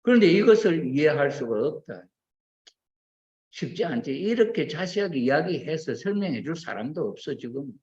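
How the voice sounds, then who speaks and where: A man's voice: fairly high pitch, normal speed. Older man preaching animatedly, echoey room. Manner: animated, asks listeners questions, acts out quoted voices. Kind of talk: sermon to a congregation. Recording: roomy, dull lo-fi recording.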